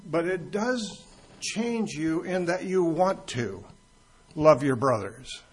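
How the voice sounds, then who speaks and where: A man's voice: fairly high pitch, lively intonation, slow pace, breathy edge. A man preaching a teaching sermon in a church, conversational and joking with the congregation as he tells stories. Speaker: pastor. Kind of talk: expository sermon with anecdotes.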